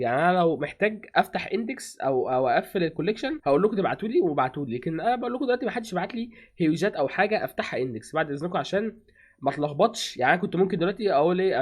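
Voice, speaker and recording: A man with an Egyptian accent chatting casually as a gaming streamer, rattling off quick thanks to donors. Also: a little high. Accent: Egyptian Arabic. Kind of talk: casual game commentary.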